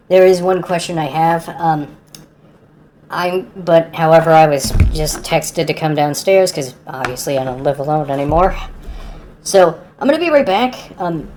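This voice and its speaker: A woman's voice: low voice, measured pace, darkish tone, a little hiss or hum. A woman hosting a casual voice call, talking in a loose, hesitant way. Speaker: call host.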